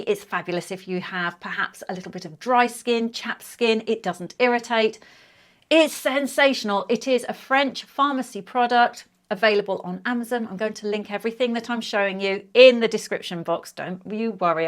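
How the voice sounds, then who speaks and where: A woman's voice: on the high side, a bit bright. A woman over fifty talks her viewers through a casual product review. She is chatty and effusive, gushing with enthusiasm as she goes. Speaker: beauty vlogger.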